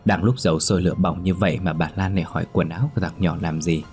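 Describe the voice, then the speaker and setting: A man narrating a scripted ghost story in a measured, dramatic way. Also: low voice, fairly even intonation, a little mellow, soft background music.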